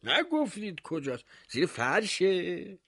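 A man voicing a pompous, nosy male village mayor in a high, mocking voice. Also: huge pitch swings, fairly bright tone, slightly rough, no echo, studio quality, full character voice.

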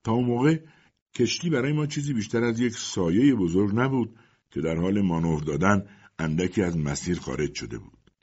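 Husky deep-voiced male narrator. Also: lively intonation, a little mellow, lo-fi sound. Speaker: audiobook narrator. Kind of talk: scripted first-person narration.

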